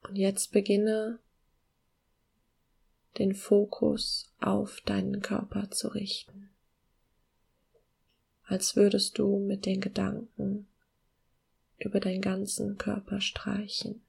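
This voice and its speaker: A woman guiding a meditation in a soft, hushed, soothing near-whisper with long pauses and a breathy voice. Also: medium pitch, completely flat delivery. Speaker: podcast host guiding a meditation.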